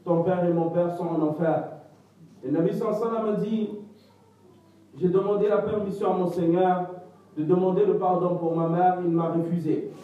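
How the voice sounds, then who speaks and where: A religious teacher, a man with a high-pitched, mellow voice, gives a lesson in French, which is not his first language, relaying a scholar's answers. He often pauses to search for the right French words. The recording is low quality, very echoey, with the mic placed at a distance.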